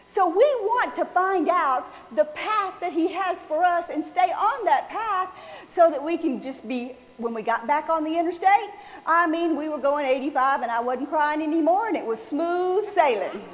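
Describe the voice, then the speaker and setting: A woman preaching a sermon, telling a personal story in a folksy, animated way. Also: very high-pitched. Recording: dull sound with long hall reverb.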